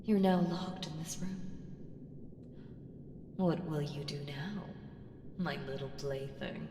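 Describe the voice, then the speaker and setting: Playing an ancient evil being in ASMR roleplay, she sounds menacing and mocking, her low voice coaxing and condescending, commanding yet seductive. Her delivery is deliberate and sometimes sinks to a whisper. Clear background noise rides on a roomy, lingering reverb.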